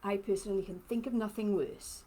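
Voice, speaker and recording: This woman from Trinidad works as a lymphoedema therapist and gives a chatty, personal live-stream talk, answering comments and laughing often, in a mixed, hard-to-place accent. Her mid-range voice is mellow and brisk with fairly even intonation, in a rough recording.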